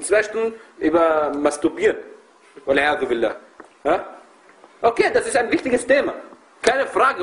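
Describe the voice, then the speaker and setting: A man's voice: high voice, a bit bright, rough recording. A man preaching passionately to a group of brothers, emphatic and full of rhetorical questions. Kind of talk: impassioned religious talk.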